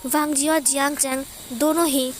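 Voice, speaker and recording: A woman narrating a fan fiction story aloud in a plain, steady way. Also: sits high, normal speed, slight background noise.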